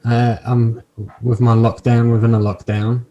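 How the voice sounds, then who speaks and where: A man's voice: mid-range voice, little pitch movement, a little slow, dark tone, muffled recording. A man chatting casually as a podcast host, with dry, self-deprecating, sweary humour. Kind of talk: casual comic chat.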